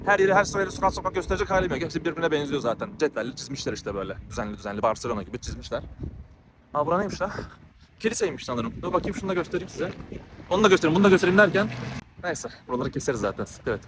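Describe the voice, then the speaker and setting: Talking very fast in an animated voice on the high side, a man vlogs his walk through a small town, breathless and ranting heatedly, repeating himself often. It's a travel vlog monologue recorded outdoors on noisy town streets.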